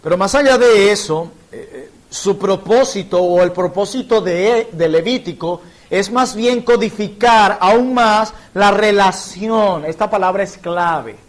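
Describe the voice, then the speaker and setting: A man's voice: high-pitched, unhurried, hardly any pauses. A man from Colombia, a pastor, teaching a church Bible class in an earnest, explanatory way and illustrating points with personal stories.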